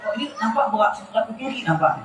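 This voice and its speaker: High-voiced man preaching over echoing crowd. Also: very fast. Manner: animated, joking, swings from quiet talk to shouting and chanting. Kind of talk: humorous religious sermon at a gathering. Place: religious celebration gathering with a large crowd. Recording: very echoey crowd sound system with background noise.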